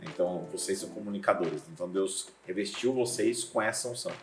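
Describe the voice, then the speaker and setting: A man, a pastor and seminary professor, chatting on a podcast with a deep voice, telling stories and acting out scenes. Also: fast talker, reverberant, slight background noise. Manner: lively storyteller, acts out scenes, laughs often. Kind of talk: casual podcast chat.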